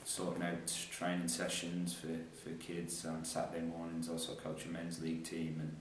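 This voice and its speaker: Irish man, low voice, echoey and distant. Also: monotone, normal speed. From Ireland. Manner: joking, chatty, self-deprecating. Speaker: interview guest, basketball coach. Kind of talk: casual chat. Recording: echoey room, mic far off, faint noise.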